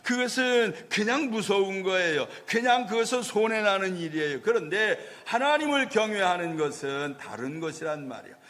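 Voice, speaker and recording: A man's voice: high-pitched, animated, moderate pace, few pauses, fairly bright tone, in a large hall. A male pastor preaching a storytelling sermon, acting out the voices of people in the story. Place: church sanctuary.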